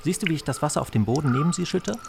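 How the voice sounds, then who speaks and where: A woman voicing a boy's calm older brother who explains things in a patient, reassuring way. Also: low-pitched, very fast, gravelly. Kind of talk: audio drama acting. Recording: noisy background.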